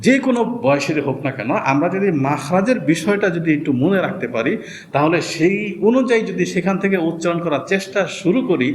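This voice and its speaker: A male teacher giving a slow, careful lesson on pronouncing Arabic letters, repeating each sound several times. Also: high voice, lively intonation, slight background noise. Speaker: Quran reading teacher.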